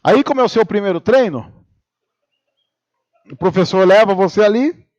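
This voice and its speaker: A pastor from Brazil giving a humorous sermon in church, telling stories and acting out the voices of the people in them. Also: male voice, high voice, moderate pace, highs cut off. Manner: animated storytelling, acting out quoted voices.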